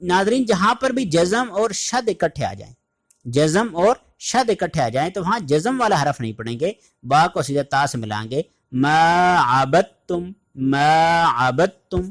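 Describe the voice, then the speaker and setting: A man teaching Quran recitation in an online lesson, explaining letter sounds and then reciting verses in a slow, drawn-out chant. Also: fairly high pitch, animated. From Pakistan.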